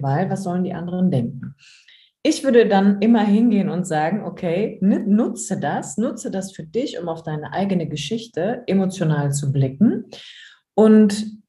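A woman's voice: fairly low pitch, mellow, echoey room. A woman as a podcast interview guest, explaining reflectively with everyday examples and rhetorical questions. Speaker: interview guest, emotions coach.

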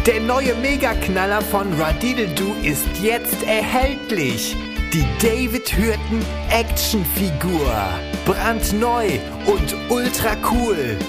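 A hyped toy commercial announcer played by a woman delivers a spoof advert. She takes her words slowly and sits at a medium pitch, over loud guitar music. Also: animated.

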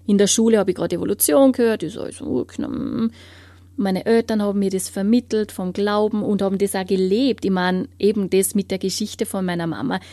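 A woman tells her story in an interview, earnest and searching. Her voice is mellow and warm, and she often lets it sink to a hushed whisper. The sound is close and dry, with no room echo. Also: mid-range voice, steady tone, a little fast. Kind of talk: personal faith testimony.

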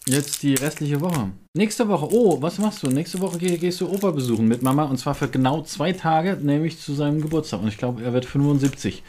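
A man's voice: a little high, normal speed, dark tone, a little hiss or hum. A middle-aged man chatting casually as a podcast host, with many fillers and restarts, into a podcast microphone. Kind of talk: casual family chat.

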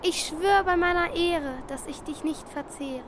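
A woman's voice: extremely high pitch, unhurried, noisy background. A woman voicing a cold, pleading male red fox in a family reading of a rhymed storybook. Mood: earnest. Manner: whining, pleading rhymed lines.

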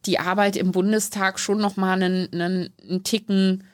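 A young woman speaks at an ordinary mid pitch as an interview guest. She sounds earnest and thoughtful and hesitates often on filler sounds. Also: little pitch movement, moderate pace. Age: young adult. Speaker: member of parliament, guest. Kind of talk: casual interview answers.

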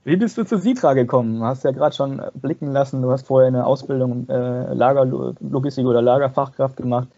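A man's voice: mid-range voice, brisk, vocal fry, few pauses, dark tone. Joking male podcast interviewer, lo-fi. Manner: jokey, reads questions from a plan. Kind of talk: casual interview questions.

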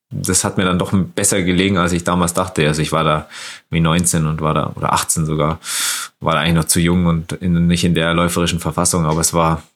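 Young guy, very low voice, athlete guest, short relaxed answers. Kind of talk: casual interview answers.

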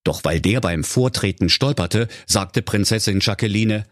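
A man's voice: fairly low pitch, measured pace, a bit bright, no room sound, clean studio sound. A man telling a comic fairy tale in a mock-solemn, playful way. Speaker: storyteller.

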